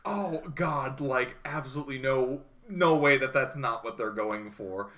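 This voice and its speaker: A man co-hosting a podcast, talking in a casual, animated and incredulous way while reviewing an anime. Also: medium pitch, unhurried. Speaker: podcast co-host.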